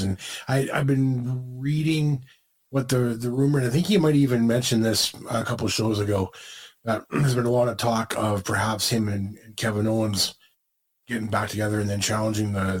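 A husky-voiced man co-hosting a podcast. He chats casually, rambling and restarting his sentences as he goes. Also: lowish voice, fairly quick, low-quality recording. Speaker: podcast co-host. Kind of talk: casual wrestling chat.

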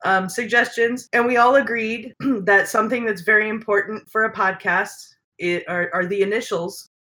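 Bright-voiced woman in her forties. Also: medium pitch, moderate pace, low-quality recording. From United States. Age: 40s. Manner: laughs often, relaxed and chatty. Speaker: podcast host. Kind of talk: casual family chat.

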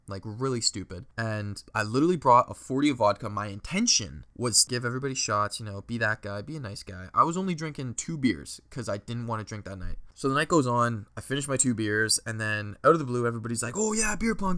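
A man's voice: fairly low pitch, bright, forceful tone. A young man from Ontario, Canada, telling rambling party stories with lots of filler words, swearing and laughter. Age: young adult. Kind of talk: casual storytelling.

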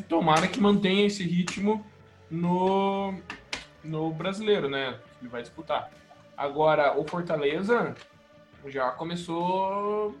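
A man with a Brazilian accent giving colloquial, opinionated commentary in a casual sports discussion. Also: a little high. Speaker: sports podcast panelist. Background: background music.

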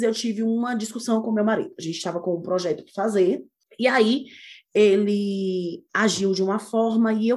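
A woman with a Brazilian Portuguese accent, speaking as a guest in an animated conversational way, expressive and laughing often, with quick bursts of emphasis. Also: mid-range voice. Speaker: guest speaking on nonviolent communication.

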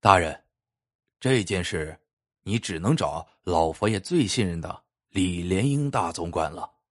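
A man voicing a calm, self-assured master craftsman in a folk tale, speaking low and measured. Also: husky. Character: calm, masterful male jade carver.

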